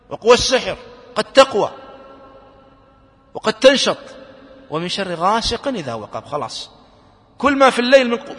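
High bright-voiced man preaching a sermon. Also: big-room sound. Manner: earnest, asks the listeners many questions.

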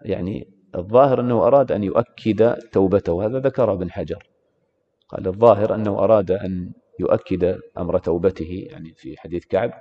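Gravelly low-voiced man lecturing in a hall. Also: quick pace. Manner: poses rhetorical questions to students. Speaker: teacher of Islamic law. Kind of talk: classroom lecture on jurisprudence. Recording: reverberant hall, dull lo-fi sound.

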